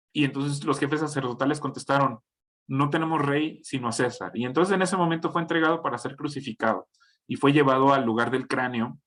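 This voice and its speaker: A man's voice: medium pitch, a bit bright. A man giving an informal Bible reflection, talking conversationally, dropping questioning asides and correcting himself as he goes. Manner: conversational, tags points with questioning asides, frequent self-corrections. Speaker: Bible teacher.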